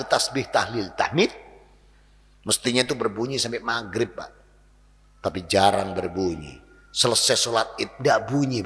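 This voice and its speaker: A man preaching a lively, joking sermon in a mosque, often addressing his listeners directly. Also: mid-range voice. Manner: lively, jokey, animated, addresses audience as Pak. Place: mosque hall. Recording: long hall reverb.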